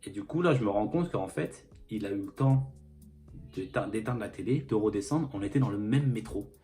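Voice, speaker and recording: A man's voice: lowish voice, animated, normal speed, dark tone, soft background music. A young man from France telling a story and showing a clothing haul, crude and joking, filming himself on a phone indoors. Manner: crude, joking, rambling with fillers. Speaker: vlogger. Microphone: phone camera.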